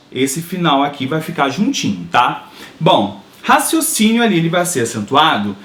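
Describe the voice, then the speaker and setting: Lively, echoey male grammar teacher. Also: on the high side. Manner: lively, explanatory, frequent tag questions. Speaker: Portuguese teacher. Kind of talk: exam-prep grammar lesson.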